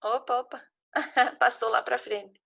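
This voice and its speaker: Here a primary school teacher, a woman with a Brazilian Portuguese accent, explains a worksheet to children in an online class and patiently spells out syllables. Her pitch is fairly high and her intonation fairly even, and she speaks slowly in a creaky, sharp-toned voice.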